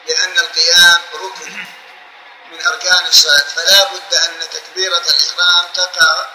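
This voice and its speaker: A man's voice: fairly high pitch, pushed and bright, echoey room, slight background noise, rough recording. A man giving a religious law lesson, explaining patiently and drawing out example phrases to illustrate them. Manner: explains slowly, repeats and drawls examples to show them. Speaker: teacher of Islamic law.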